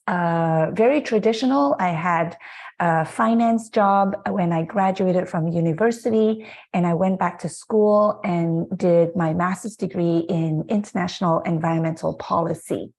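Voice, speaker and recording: A Malaysian woman in her forties, appearing as a guest speaker, gives an earnest, reflective presentation about her life and work, full of fillers. Her voice is on the low side and a little mellow.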